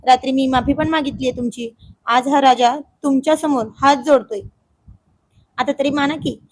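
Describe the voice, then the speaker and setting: A woman's voice: high voice, fairly even intonation, moderate pace, husky. A woman voicing a proud young husband who pleads with and teases his sulking wife, in a storybook reading. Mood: pleading. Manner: pleading then mock-stern, playful.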